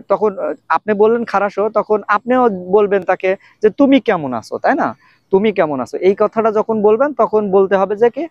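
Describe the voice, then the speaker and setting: A man teaching a casual video language lesson, explaining slowly and repeating words with many fillers. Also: high-pitched, dry recording, dull audio. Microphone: camera facing speaker.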